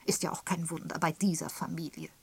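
A woman reading the part of a gossiping, sharp-tongued spinster in an audiobook, pointed and emphatic in tone. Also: deep voice, level tone, a little fast, gravelly, husky, heavily acted. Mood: gossipy. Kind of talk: audiobook character voice.

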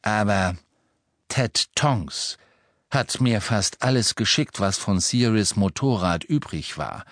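A man's voice: lowish voice, expressive, a bit bright, no echo, studio quality, exaggerated voice. A man voicing a fretful middle-aged wizard father who talks hesitantly in an audiobook. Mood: sheepish. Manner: hesitant, sheepish, halting.

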